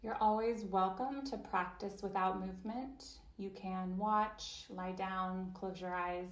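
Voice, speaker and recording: This is an interpreted guided chair yoga class voiced by a woman of medium pitch and steady tone. She speaks slowly and gently, offering soft invitations separated by long pauses, and the audio carries reverb.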